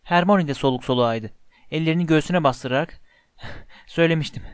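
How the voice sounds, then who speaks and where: A man narrates a story in a steady, expressive reading voice. His pitch sits a little high for a man. The recording is dry and close, with no room sound. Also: brisk, no room sound. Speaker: audiobook narrator.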